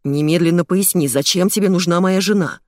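A woman reading an audiobook, voicing a hysterical businessman who yells and rants over the phone. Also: fairly low pitch, fairly quick, no room sound, clean studio sound, natural voice. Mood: furious. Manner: yelling, ranting on the phone. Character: hysterical shouting middle-aged businessman. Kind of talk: audiobook character voice.

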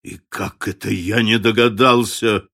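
A man voicing a grim, gruff frontier trapper in a low, hushed voice in an audiobook. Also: steady tone, measured pace, heavily acted. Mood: determined. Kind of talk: audiobook character voice.

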